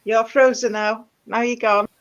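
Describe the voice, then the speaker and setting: A woman's voice: fairly high pitch, steady tone, unhurried, lo-fi sound. A woman chatting casually with friends over a video call, her audio breaking up and dropping out as she asks short questions. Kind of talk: casual chat.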